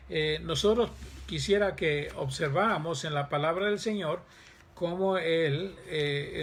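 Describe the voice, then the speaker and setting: A male pastor preaching a sermon, reading scripture aloud and pausing with fillers. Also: a little high, a bit bright, a little hiss or hum.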